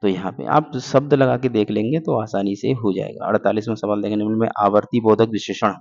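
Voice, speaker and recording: Man, teacher, exam-prep grammar lesson, gravelly voice, asks and answers his own questions, muffled recording. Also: on the low side, steady tone, a little fast, a little mellow. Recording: dull lo-fi recording.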